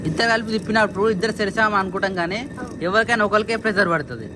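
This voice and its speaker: A man talking casually while working at home in a village and telling others what to do. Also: sits high. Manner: directing others, brisk. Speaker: vlogger. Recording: loud background noise.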